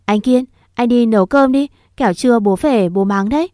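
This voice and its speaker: A woman's voice: fairly high pitch, mellow, no room sound, clean studio sound, close to an everyday voice. A woman voicing a whiny little village girl who tattles and cries easily. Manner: pleading, quick to cry.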